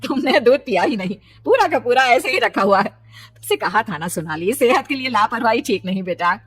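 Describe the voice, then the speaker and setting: A woman voicing a caring middle-aged mother who fusses over her daughter in an animated horror story. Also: on the high side, fairly quick, husky. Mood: scolding. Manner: fussing, affectionate scolding. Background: background music.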